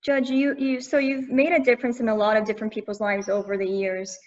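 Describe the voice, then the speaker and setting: A woman interviewer who asks prepared questions in a polite, measured way. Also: fairly high pitch, flat delivery. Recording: dull, slightly muffled audio.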